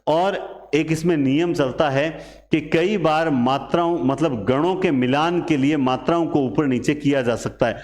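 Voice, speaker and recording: A man's voice: on the high side, a little slow, darkish tone. A man teaching a lesson, working step by step through examples and asking questions, then answering them himself. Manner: explains step by step, asks and answers own questions. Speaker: Hindi teacher. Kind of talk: classroom lecture. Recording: echoey room.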